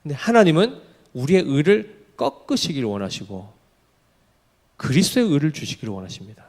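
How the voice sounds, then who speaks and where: A man preaches a sermon in a conversational way, peppering his talk with questions to the congregation and little acted-out remarks from daily life. His voice sits somewhat high and moves through a wide, animated range. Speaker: pastor.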